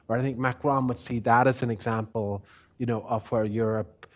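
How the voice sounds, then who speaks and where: Man thinking aloud in a halting way. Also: mid-range voice, fairly even intonation. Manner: thoughtful, hedging, halting with many restarts. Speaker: guest speaker, policy analyst. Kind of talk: unscripted answers at a forum discussion.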